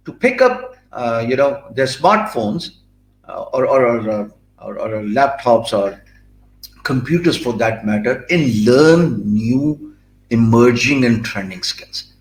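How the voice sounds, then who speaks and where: The audio is poor and reverberant, carrying the medium-pitched, expressive voice of a middle-aged man from Pakistan. Answering as an interview guest in accented English, learned after Urdu, he is fluent but packs in fillers, frequent restarts, and emphatic pauses.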